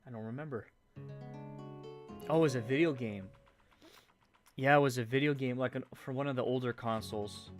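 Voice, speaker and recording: A man's voice: mid-range voice, moderate pace, pauses often. A man with a Canadian accent chatting casually on a stream while building a Lego set, rambling with fillers and trailing off as he tries to recall things. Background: faint game music.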